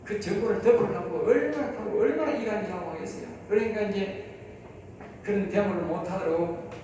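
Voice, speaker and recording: A male pastor delivers an insistent sermon, repeating his phrases and firing rhetorical questions at the room. His voice sits high for a man. He is heard from off the mic, with long echo filling the church hall. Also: brisk, warm tone, slight background noise. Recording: echoey hall, voice heard from far off.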